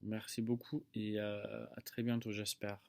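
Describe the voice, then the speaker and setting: A man in his early twenties from the United States speaks non-native French with an American accent, casually and haltingly, searching for words and correcting himself. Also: on the low side, level tone, creaky, a little mellow. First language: English. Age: early 20s. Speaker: student video maker. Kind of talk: casual talk to camera.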